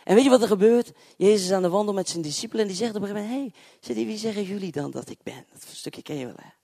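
A man preaching a sermon, swinging from loud, emphatic proclamation to hushed, near-whispered storytelling and acting out the dialogue in his stories. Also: high-pitched, racing, no room sound, studio quality. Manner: acts out dialogue in his anecdotes.

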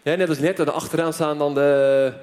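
High-voiced man preaching in a hall. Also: moderate pace. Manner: animated, lively storyteller with many fillers. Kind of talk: storytelling sermon. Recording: long hall reverb.

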